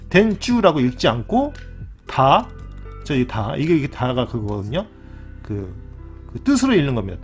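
A man gives a relaxed explanatory lesson, repeating his key words and often pausing to ask "right?". His pitch rises and falls in a lively, animated way. Soft guitar music plays faintly behind him. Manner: repeats key words, constant tag questions. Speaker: lecturer on a channel.

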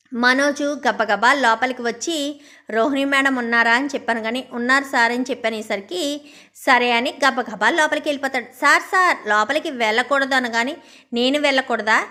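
A woman's voice: high voice, bright, forceful tone. A woman casually retelling a serial episode, narrating and quoting each character in her own voice. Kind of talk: casual spoken story recap.

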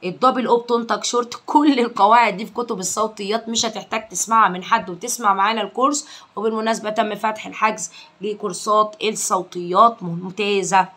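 A young woman with an Egyptian Arabic accent teaching English vocabulary to children, saying each word slowly and loudly after explaining it. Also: medium pitch, fairly even intonation.

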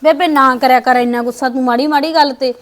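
A woman's voice: high-pitched, steady tone, fast talker, close to an everyday voice. A woman playing a soothing grown daughter. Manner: soothing, pleading. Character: grown married daughter visiting her mother, peacemaker.

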